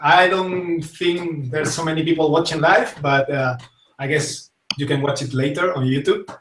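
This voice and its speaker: Spanish-accented male host, young, slightly high voice, slow and hesitant, roomy distant sound. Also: steady tone, a bit bright, slight background noise. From Spain. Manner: hesitant, many fillers and restarts. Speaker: talk show host. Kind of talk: casual live-stream talk show. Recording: echoey room, voice set back from the mic.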